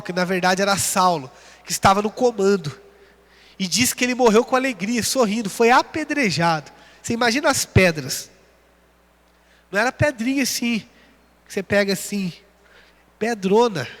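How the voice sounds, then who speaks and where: A pastor with a Brazilian Portuguese accent and a high-pitched, slightly bright voice preaches a sermon, rising with emphasis as he sets up each contrast in a call-and-response style. Between points he reads scripture references. The long reverb of a large church hall makes his voice ring out.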